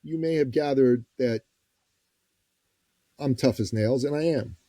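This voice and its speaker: A man, a business coach and podcast guest, telling a story in a lively, folksy way and acting out the people he quotes. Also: medium pitch, measured pace, dry recording. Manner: lively, acts out quoted voices; direct, folksy phrasing. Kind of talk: conversational storytelling.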